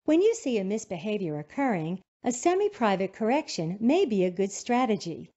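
Woman, scripted narration, calm instructive tone, lively intonation, mellow voice, dull lo-fi sound. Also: mid-range voice, normal speed.

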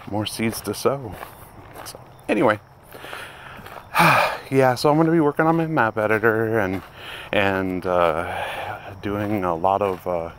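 Low, slow-talking man on an outdoor walk. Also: slight background noise. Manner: rambling, halting with many restarts; turns into quiet prayer. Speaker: vlogger and hobby game developer. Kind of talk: casual walk-and-talk vlog. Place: outdoors at dusk, walking.

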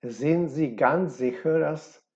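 A man's voice: a little high, takes it slowly, darkish tone, muffled recording. A man doing a worried, bewildered young fiancé. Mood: stunned. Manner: worried, pleading.

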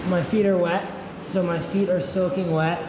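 A man's voice: sits high, flat delivery, normal speed. A young man giving casual, awed handheld vlog commentary, exclaiming as he goes, with his voice echoing in a cave. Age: young adult. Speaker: vlogger. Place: inside a rock cave with running water. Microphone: handheld camera. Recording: muffled cave echo, loud water noise.

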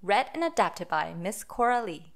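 For a phonics read-aloud aimed at little ones, a woman speaks with deliberate care, breaking words and letters into sounds. Her medium-pitched voice is very animated, with some vocal fry.

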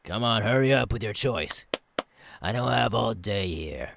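A man playing a menacing, gleefully cruel clown pirate captain in an ASMR role-play, with a raspy, theatrical drawl that swings between hushed threats and barks. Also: on the low side, lively intonation, measured pace, exaggerated voice. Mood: impatient, threatening. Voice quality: raspy, gravelly.

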